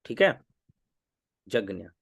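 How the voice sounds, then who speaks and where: A man teaching Vedic chanting in an online class, patiently repeating each syllable slowly and correcting pronunciation over a video call. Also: fairly low pitch, very animated, creaky.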